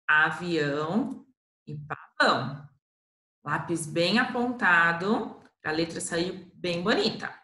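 This woman, speaking with a Brazilian Portuguese accent, patiently and slowly teaches first graders to read and write, drawing syllables out. Her voice is on the low side and sharp-toned, heard in an echoey room.

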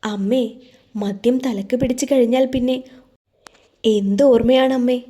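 A woman voicing a gentle, grieving young wife in an audio story, speaking softly and hesitantly. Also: on the high side, fairly even intonation, a little slow. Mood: hurt, pleading.

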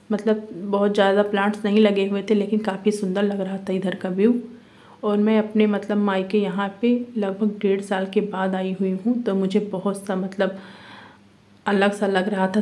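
Chatty woman vlogger, mellow flat voice. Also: mid-range voice. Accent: Uttar Pradesh Hindi. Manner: chatty, many filler words. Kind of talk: casual vlog narration.

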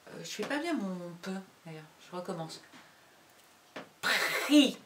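A woman teacher giving a slow dictation to young pupils, calling out each syllable loudly and patiently. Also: lowish voice, big pitch swings, reverberant, far from the mic, noisy background. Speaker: primary school teacher.

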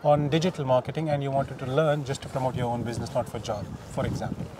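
A man's voice: medium pitch, steady tone, quick pace, background noise. A man in his thirties hosting a street interview in a park, asking friendly, conversational questions. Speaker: host, interviewer. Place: outdoors in a large open park.

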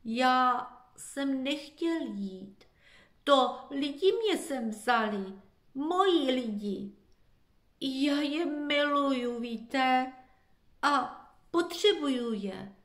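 A woman voicing a helpless, lost male pet dog who whimpers and pleads in a slow, whiny, high voice, in an echoey room. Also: expressive, a bit bright. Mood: whimpering.

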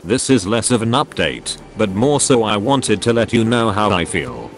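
Robotic text-to-speech man, lowish pitch. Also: normal speed, soft background music. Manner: flat, evenly paced computer reading. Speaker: YouTuber giving a channel update. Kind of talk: text-to-speech channel update.

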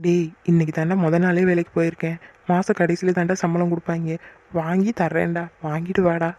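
Voice actor doing cheeky cartoon dude, wheedling, mid voice, quick talker. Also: mid-range voice, level tone, darkish tone, lo-fi sound, natural voice. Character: cheeky young male friend. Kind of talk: cartoon voice acting.

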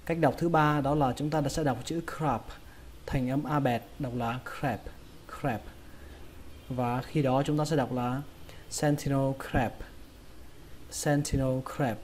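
Man, pronunciation teacher, slow careful repeats, mid pitch, faint hiss. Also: steady tone. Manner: slow, drawn-out repetition of words. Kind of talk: casual lesson.

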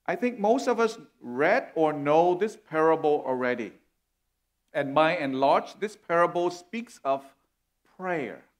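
A middle-aged man from Vietnam, preaching an earnest sermon as a guest speaker on a church stage. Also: fairly high pitch. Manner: earnest, warm, gesturing as he preaches.

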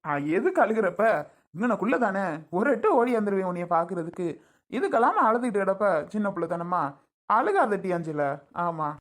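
A man playing an easygoing, kindly village husband in a casual family skit, gently coaxing his wife out of crying. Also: high voice, very animated, brisk.

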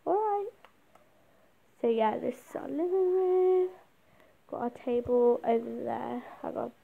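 Filming on a handheld phone as she moves from room to room, a woman vlogger casually tours her home, chatting and listing things. Her voice is a little high, a little slow and creaky, with lively intonation, and the sound is phone-quality with slight background noise.

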